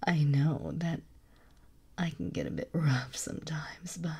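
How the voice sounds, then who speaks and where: Lady doing a slow, mellow, whispery snake mom coiling you up to sleep, teasing and calm. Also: low voice, creaky, breathy edge, exaggerated voice. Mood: soothing. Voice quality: soft whispering. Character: motherly snake woman coiling the listener to sleep. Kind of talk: ASMR role play.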